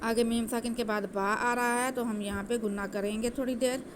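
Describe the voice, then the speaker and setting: A woman teaching Quranic recitation, patiently explaining each letter and then chanting the words slowly. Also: a little high, fairly even intonation, background noise.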